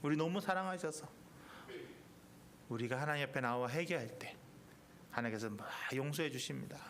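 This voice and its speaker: A man's voice: a little high, a little hiss or hum. Impassioned male pastor preaching. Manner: impassioned preaching with rising emphatic peaks and quiet drops. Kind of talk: sermon. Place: church sanctuary.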